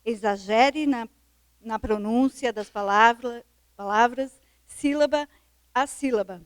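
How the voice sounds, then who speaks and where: A woman's voice: fairly high pitch, slow pace, clean tone, no room sound. A woman reading a short instructional text aloud at a seminar. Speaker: volunteer reader at a seminar.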